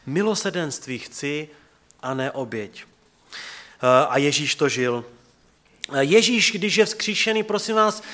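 Earnest higher-voiced male preacher. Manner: earnest and conversational, dropping to soft quiet tones. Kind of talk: sermon.

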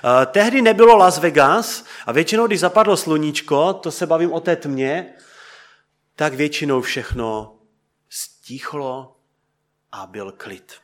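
A man preaching to a congregation in church, asking them questions and letting his voice sink soft and quiet at the ends of thoughts. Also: a little high, animated. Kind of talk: interactive sermon.

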